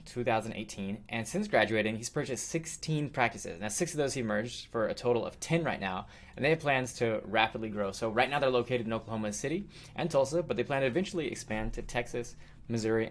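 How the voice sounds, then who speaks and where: Chatty male podcast host. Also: medium pitch. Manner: chatty, uses many fillers like "you know" and "like". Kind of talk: casual interview hosting.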